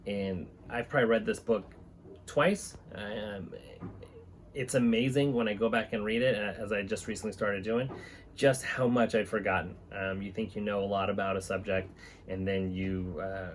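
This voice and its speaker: A reptile-keeping channel host in his thirties reads from a book and addresses the camera informally, at normal speed in a fairly low voice with fairly even intonation. The setting is a small indoor room holding reptile enclosures and a fan, and room noise is clearly heard.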